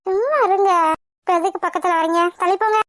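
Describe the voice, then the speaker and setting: A woman's voice: extremely high pitch, quick pace, a bit bright, no echo, studio quality, voice pushed down. A woman voicing a bashful young wife in a cartoon, coyly scolding her husband. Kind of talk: cartoon voice acting.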